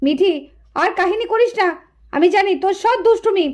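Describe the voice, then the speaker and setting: A woman's voice: very high voice, fairly quick. A woman voicing a strict, angry mother in a puppet cartoon who scolds and threatens her daughter. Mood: scolding.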